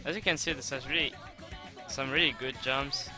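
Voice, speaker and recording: A young man commenting on his own gameplay replay, excitable and swearing, with lots of stumbling restarts, on a home desk mic. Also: medium pitch, normal speed, over music. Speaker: gaming channel host.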